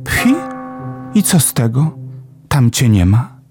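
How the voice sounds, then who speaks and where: A man's voice: medium pitch, very animated, slow pace, music in the background, voice pushed up. A man voicing a chorus of fearful, fretful bluebell flowers in a children's storybook. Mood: prim, scolding. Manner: fretful, warning.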